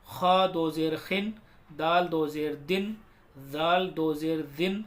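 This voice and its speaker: A man with a fairly high voice leads a recitation lesson. He drills each letter sound slowly and deliberately, pausing between every item as a patient teacher. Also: fairly even intonation. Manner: slow drawn-out letter-by-letter drilling. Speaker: Quran reading teacher.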